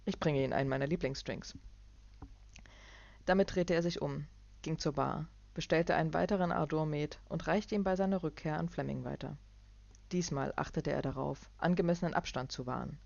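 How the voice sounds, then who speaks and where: A woman, the author, reading from her novel in an even, measured storytelling manner. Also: low-pitched, gravelly, no room sound. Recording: dull lo-fi dry recording.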